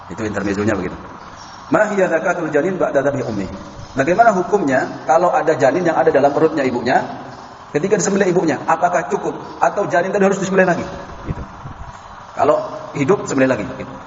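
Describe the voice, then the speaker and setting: A man giving an Islamic lecture, reciting Arabic verses, addressing listeners as sir and madam, and telling anecdotes. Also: mid-range voice. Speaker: Islamic preacher lecturing a class. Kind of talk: religious lecture on halal food. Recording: echoey hall, muffled, faint background noise.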